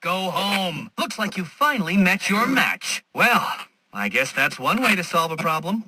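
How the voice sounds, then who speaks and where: The Riddler, sharp, smug genius villain. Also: male voice, high voice, expressive, measured pace, slightly rough, no echo, heavily acted. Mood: dismissive, gloating. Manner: pompous, sarcastic, precise wordy diction. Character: smug, condescending male genius villain, mocking and theatrical. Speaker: video game villain. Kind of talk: scripted game villain taunts.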